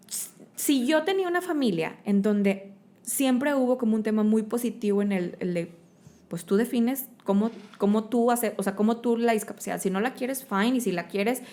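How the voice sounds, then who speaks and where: A woman with a Mexican Spanish accent talks as an interview guest, and her voice has a gravelly, creaky edge at mid pitch. She speaks expressively, with plenty of fillers and tag questions. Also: darkish tone. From Monterrey, Mexico. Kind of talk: conversational interview storytelling.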